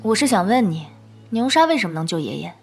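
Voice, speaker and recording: A woman's voice: mid-range voice, very animated, fast talker, slightly rough, soft background music. An actress playing a guarded, proud young woman who speaks bluntly and warily in a period TV drama. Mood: wary. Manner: blunt and wary. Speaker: granddaughter.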